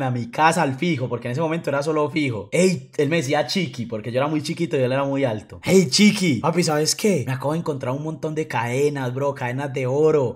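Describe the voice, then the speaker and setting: Young Colombian-accented streamer, profane and animated storyteller, somewhat high voice. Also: male voice.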